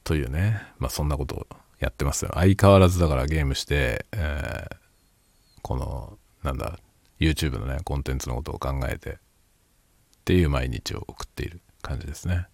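A middle-aged man chatting alone in a quiet, hushed late-night voice, reflective and self-deprecating. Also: extremely low pitch, normal speed, creaky, dry recording. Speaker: YouTube host. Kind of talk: casual late-night solo chat.

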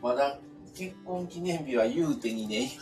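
A man's voice: mid-range voice, lively intonation, normal speed, a little mellow. Kansai guy chatting on a livestream, really up and down intonation, bit of music behind. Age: 30s. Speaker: livestream host. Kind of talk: casual chat.

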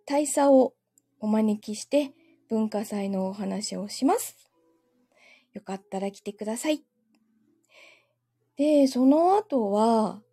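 This livestream host's voice runs on the high side, warm and husky. She talks casually with live viewers from home, giggling a lot and thanking them along the way.

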